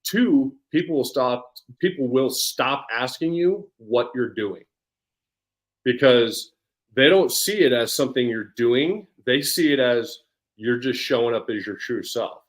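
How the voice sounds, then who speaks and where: Here a personal development coach in his forties gives a lively, casual podcast interview. His medium-pitched voice is animated yet measured in pace, full of restarts and repeated words.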